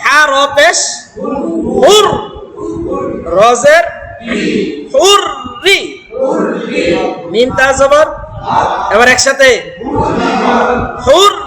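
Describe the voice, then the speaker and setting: High-voiced man drilling Quran syllables. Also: expressive, crowd noise. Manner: drills syllables slowly, asks students to repeat. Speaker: Quran teacher. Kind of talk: classroom recitation lesson. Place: classroom with group of students. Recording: echoey hall with class noise. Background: students repeating aloud.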